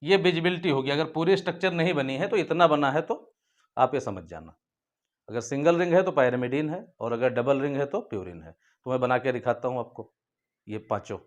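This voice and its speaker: Man, biology teacher, classroom lecture, mid-pitched voice, rhetorical questions, soft falling endings. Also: lively intonation, fairly quick. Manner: repeats key points as questions and answers them; addresses students fondly as "beta". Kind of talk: whiteboard lecture for school students.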